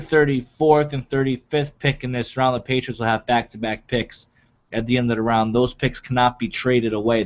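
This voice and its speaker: Chatty man co-hosting a draft show. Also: medium pitch. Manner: chatty, reads off picks. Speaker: co-host of draft podcast. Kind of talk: casual sports talk. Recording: dull lo-fi recording.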